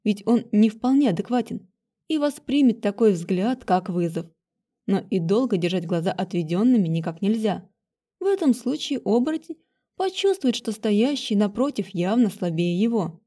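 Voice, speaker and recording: Female audiobook narrator, expressive fantasy reading, warm mellow tone. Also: medium pitch, moderate pace.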